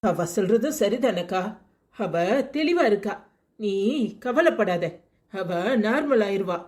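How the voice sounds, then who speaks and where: A woman voicing a calm village woman in a cartoon who consoles and reasons with a friend in a Tirunelveli Tamil accent. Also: mid-range voice, slow. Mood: consoling. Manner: soothing, reasoning.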